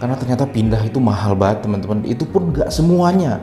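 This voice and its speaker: A fatigued man leads a relaxed room tour of his newly rented, bare house, talking to his audience like friends. His medium-pitched voice is warm, fast, and animated. The echo bounces off the empty indoor walls, and faint music can be heard.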